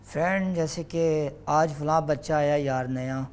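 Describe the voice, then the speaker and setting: A man's voice: a little high, smooth. A young man, a guest voice mimic, telling stories in easygoing chat. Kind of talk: casual interview chat.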